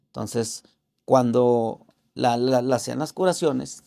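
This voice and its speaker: Very gravelly man telling his testimony. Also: mid-range voice, dark tone. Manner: earnest, halting storytelling with religious fervor; acts out other people's words in raised voices. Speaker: interview guest. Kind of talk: personal faith testimony.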